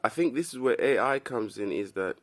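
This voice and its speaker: A man's voice: medium pitch, expressive, a little fast. A young man from Kenya giving a loose, rambling casual monologue to camera, tossing in "bro" as he talks. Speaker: commentary video host.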